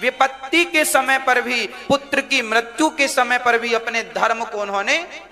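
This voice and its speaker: A high-voiced male preacher delivers a devotional story slowly and emphatically and hammers home his rhetorical questions. His voice carries through a long hall reverb while clear instrumental music plays beneath. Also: sharp tone. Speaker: religious storyteller.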